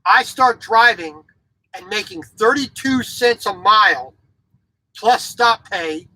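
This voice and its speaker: Speaking slowly from the sleeper cab of his truck, a forties-aged driver who grew up in Japan as a military child delivers an opinionated, blunt vlog monologue full of restarts and repeated words. His high voice is animated, sharp, and a bit breathy. The rough recording has no room sound.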